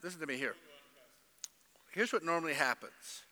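A middle-aged pastor preaches with a bright, forceful voice and a slightly high pitch. He swings between loud emphasis and low, pointed asides, now and then mimicking people in an exaggerated voice. The sound carries a long church-hall reverb. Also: expressive, moderate pace. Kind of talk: sermon.

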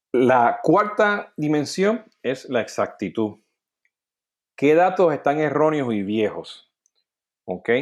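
Man, explanatory talk, tags lines with "ok?", middle pitch. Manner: peppers sentences with "¿ok?" and "¿no?", restarts words. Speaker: data quality speaker.

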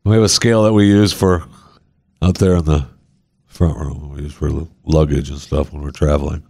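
A man's voice: rumbling low, fairly even intonation, normal speed, gravelly, a little mellow, breathy edge. A man co-hosting a casual chat show, reading odd news stories aloud, laughing often and putting on mocking voices.

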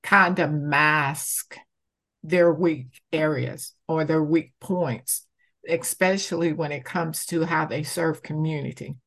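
A woman from Georgia answering interview questions conversationally, in a measured, deliberate way. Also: low-pitched, steady tone, a bit bright. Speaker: interviewee, community campaigner.

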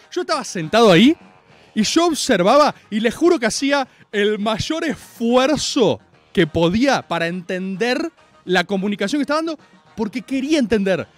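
High-voiced Argentine man ranting comically. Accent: Argentine Spanish. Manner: exasperated, sarcastic, mimics crowd screams. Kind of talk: comic rant to an audience.

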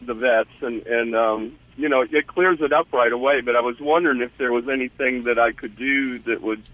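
A man calling in to a radio show, a truck driver who speaks hesitantly with many halting restarts. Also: mid-range voice, fairly even intonation. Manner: hesitant, halting, laughs easily. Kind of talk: phone-in call. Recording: muffled phone line.

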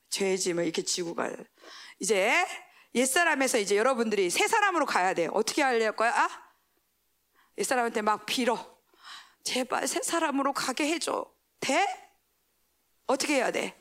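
Preaching a sermon, a woman with a fairly high, lively voice poses questions to the congregation and answers them herself. She speaks at normal speed with long pauses, swinging between raised exclamations and hushed asides.

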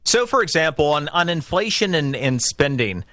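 A dry, close studio recording of an American man hosting a call-in radio show. His voice is bright and forceful, and he comments on politics emphatically, doubling back on phrases for stress. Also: a little high, sing-song, normal speed, dry recording. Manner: emphatic, repeats phrases for stress, stop-and-start. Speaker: talk radio host. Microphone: close studio broadcast mic.

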